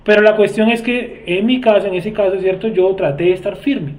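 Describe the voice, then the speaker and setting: A man's voice: high voice, a little fast, a little mellow. A man with a Bogotá Colombian accent teaching a Bible study class in a conversational way, often checking that everyone follows and asking the class questions. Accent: Bogotá Colombian Spanish. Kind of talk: informal religious teaching.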